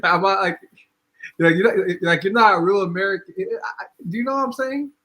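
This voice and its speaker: This Ghanaian podcast co-host speaks briskly in a high-sitting, fairly bright voice. His casual storytelling is chatty, full of constant checks on the listener and the repeated phrase "you know what I'm saying".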